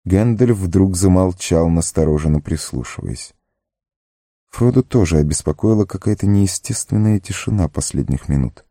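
A man narrates an audiobook in an expressive, storytelling way. His voice is low, gravelly and very dark, with a lively range. The recording is dry and close. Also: normal speed, dry recording. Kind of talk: scripted narration.

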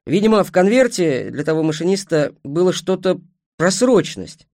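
A man's voice: high voice, very animated, normal speed, a little mellow, dry recording, clean studio sound, pitched above the performer's own voice. A man doing an awkward, polite traveler.

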